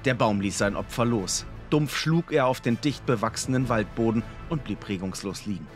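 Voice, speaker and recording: A man narrating a fantasy audiobook in a dramatic, expressive storytelling manner. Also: medium pitch, normal speed, faint music behind.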